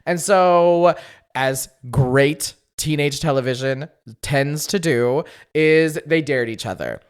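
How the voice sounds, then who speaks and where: A man's voice: on the high side, takes it slowly, clean tone. A man co-hosting a podcast in casual chat, retelling a show animatedly with swearing and laughs. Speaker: podcast co-host.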